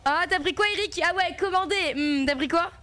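Girl streaming, high voice, chatty slang, game music faint in back. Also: brisk, bright, forceful tone. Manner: chatty, slangy, talks to chat while playing. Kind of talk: casual gaming stream chat.

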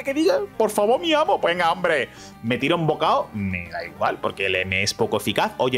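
A man's voice: medium pitch, a bit bright. A young man with a Spanish accent from Spain, giving jokey, self-mocking commentary over a game playthrough and talking to his viewers. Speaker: gaming YouTuber.

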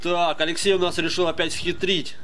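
Higher-voiced man commentating game fights. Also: a little fast, a little hiss or hum. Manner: excitable, informal, addresses viewers as friends. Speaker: host and tournament commentator. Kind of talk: live video game match commentary. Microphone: voice-over over game audio. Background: game music and fight sounds.

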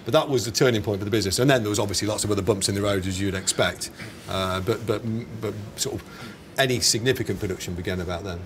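Speaking fast in a lowish voice, an English man in his forties answers questions as the founder of a snack company. The interview happens in a bar, with clear ambient noise behind him, and he's chatty, hesitant and keeps correcting himself.

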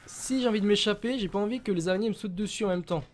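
A young man giving excitable let's play commentary, swearing a lot and shouting at enemies. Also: high voice, very fast, slight background noise. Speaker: gaming channel host.

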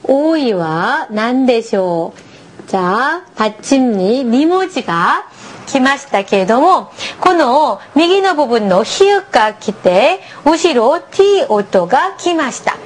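A woman language teacher leads a beginner lesson for learners. Her voice is high and lively, and she's patient and encouraging, modeling pronunciation slowly and clearly.

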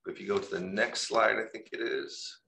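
A police captain talks through slides on a panel in a very deep voice. His tone is bright and forceful, and he stops often with fillers as he explains the numbers. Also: a little fast, creaky, a little hiss or hum. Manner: hesitant, many fillers. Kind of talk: presenting data on a panel.

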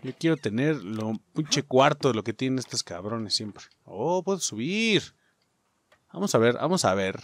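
A man's voice: mid-range voice, lively intonation, moderate pace, no room sound. A man with a Mexican accent commenting casually on a video game, joking, swearing, and talking to his viewers. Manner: profane, joking, talks to viewers as "muchachos". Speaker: gaming YouTuber. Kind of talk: casual let's play commentary.

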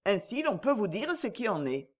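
A woman's voice: mid-range voice, very animated, moderate pace. A woman voicing a cautious, suspicious former provincial lawyer in an audiobook, guarded in his words. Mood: wary. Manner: guarded, wary.

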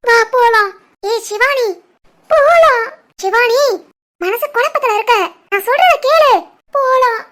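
A woman's voice: extremely high pitch, unhurried, fairly bright tone. A woman voicing a piping, blunt young cartoon friend. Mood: urging. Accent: Kanyakumari-Tirunelveli Tamil. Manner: urging, frank.

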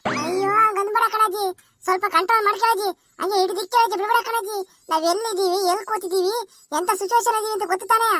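A woman's voice: very high-pitched, steady tone, fast talker, sharp tone, no room sound. A woman voicing a young village woman in a cartoon who nags and pleads with her grandmother. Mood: nagging. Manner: pleading, nagging rural chatter.

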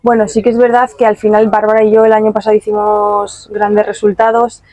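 Here a young female padel player, medium-pitched, fields post-match questions on a handheld mic outdoors at a tournament stand. Her replies are calm and measured but full of fillers, captured in a dry, rough recording.

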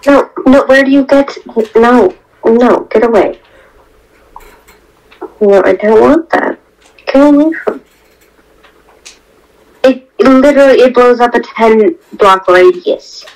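A woman with a slightly high voice co-hosting a casual gaming video. She teases her partner and fires off quick protests as the game goes on. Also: darkish tone, poor audio. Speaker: gaming co-host.

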